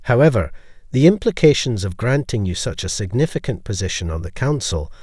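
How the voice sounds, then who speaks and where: A man reads a cautious female alien envoy in a sci-fi audio story. Her words are measured and diplomatic, with a lively lilt. The recording is dry. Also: lowish voice, husky, no echo.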